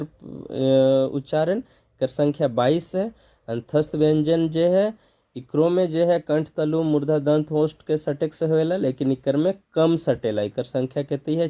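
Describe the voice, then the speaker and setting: A man's voice: a little high, warm tone, lo-fi sound. A man with a Nagpuri accent teaching an exam-prep grammar lesson, explaining step by step and asking and answering his own questions.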